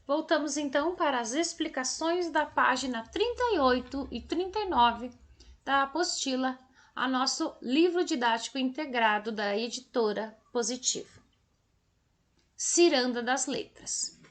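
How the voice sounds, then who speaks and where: Brazilian woman teacher, high voice, unhurried lesson for kids. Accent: Brazilian Portuguese. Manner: slow, drawn-out and didactic, stretching words for emphasis. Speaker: primary school teacher. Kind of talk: recorded remote lesson for children.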